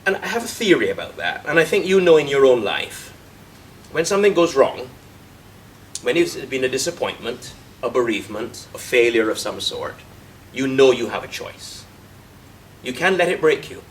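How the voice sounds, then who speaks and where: A man's voice: medium pitch, big pitch swings, moderate pace. A man from Barbados with a Barbadian accent, a vicar giving a humorous talk to a club audience with quoted voices. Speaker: guest speaker and vicar. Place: club meeting room. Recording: distant mic, faint background noise.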